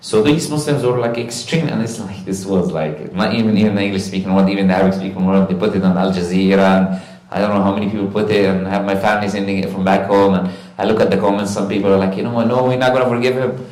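Man, lowish voice, earnest animated storytelling, echoey room. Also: quick pace, few pauses. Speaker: guest recounting a live stream encounter. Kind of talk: conversational religious talk. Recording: roomy echo.

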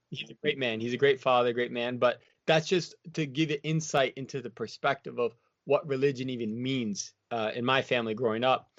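This is a man from the United States with a mid-range, fairly bright voice and no echo around it. He speaks as an interview guest in a relaxed, reflective, rambling manner, full of "like" and "you know." Expect a dull, dry lo-fi recording.

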